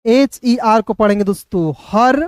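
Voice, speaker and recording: A man's voice: sits high, measured pace, clean tone, no echo. A man teaching English reading, who patiently spells words letter by letter and quizzes his listeners.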